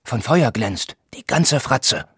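A man's voice: medium pitch, expressive, slow pace, a bit bright, husky, no room sound, studio quality, voice pushed up, heavily acted. A man voicing a frightened male servant in a Greek comedy, read aloud in an audiobook. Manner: alarmed, exclaiming. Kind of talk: audiobook reading.

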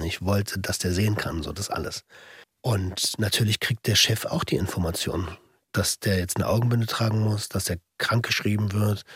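Husky, low-voiced man telling blunt stories. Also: a bit bright, no echo, clean studio sound. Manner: blunt, slangy, acts out quotes in short bursts. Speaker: guest telling his story, former army instructor. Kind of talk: casual anecdotal storytelling in conversation.

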